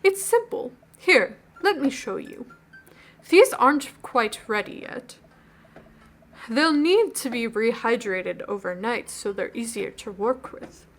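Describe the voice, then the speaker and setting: A woman voicing a courteous, old-fashioned gothic gentleman with formal, refined speech while reading a video game aloud. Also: fairly high pitch, expressive, takes it slowly, heavily acted. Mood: quiet pride.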